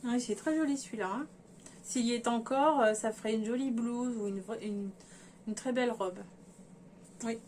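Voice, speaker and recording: A sewing vlogger speaks in a fairly high, darkish voice at a normal pace, pausing often, with a faint hiss or hum in the background. She chats casually to her viewers about fabrics, hesitating and thinking aloud with plenty of fillers.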